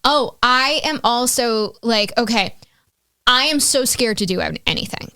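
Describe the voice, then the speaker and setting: A young woman chats on a podcast in a fairly high voice, blunt and crude, piling on comic exaggeration. The sound is dry and close, with no room around it. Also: expressive, unhurried, pushed and bright, smooth, no room sound. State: pregnant, exhausted. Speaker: podcast co-host. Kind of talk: casual chat.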